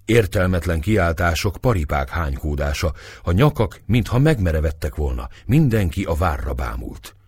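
Brief: male audiobook narrator, low husky voice, dry close recording. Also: sing-song, darkish tone, dry recording. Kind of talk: scripted narration of a historical novel.

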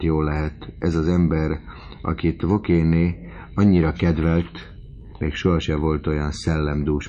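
A man narrating a classic novel in a measured, scripted reading. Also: very deep voice, mellow, highs cut off, a little hiss or hum. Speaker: audiobook narrator.

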